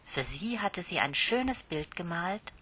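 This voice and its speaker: Slow, bright-voiced woman reading aloud. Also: fairly low pitch, expressive, slight background noise. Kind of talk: storybook narration.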